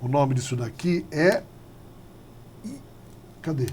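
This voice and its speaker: A man's voice: on the high side, takes it slowly, slight background noise. A man, teaching a classroom grammar lesson and acting out little dialogues as he explains. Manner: lively, animated, acts out little dialogues.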